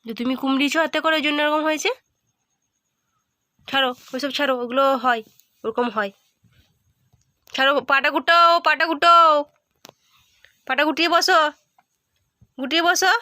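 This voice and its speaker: A high-pitched woman tutors a small child at home, her voice bright and ringing. She coaxes and repeats her questions, then sighs and scolds as her patience wears thin. The sound is close and dry. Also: a little fast, long pauses, no echo. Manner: coaxing then exasperated, sighing and scolding. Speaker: mother tutoring her young son.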